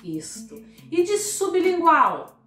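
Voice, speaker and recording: A woman teaches a grammar lesson in a bright, high, animated voice that swoops through questions to her viewers. She talks at an unhurried pace, breaking words into syllables with care. The sound is roomy, with faint music underneath. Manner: patient, asks the viewer questions, spells syllables slowly.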